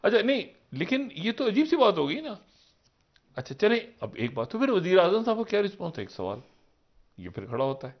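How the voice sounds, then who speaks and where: A man giving political analysis on a live TV talk show. He rambles, poses rhetorical questions, and swings from low murmurs up to raised, emphatic peaks. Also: sing-song, brisk, highs cut off. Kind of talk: live TV current-affairs commentary.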